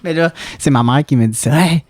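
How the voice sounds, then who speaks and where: A man's voice: a little high, fairly quick, no room sound. A man with a Quebec French accent, co-hosting a podcast, chatting casually with some hesitant fillers. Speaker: podcast co-host. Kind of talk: casual chat.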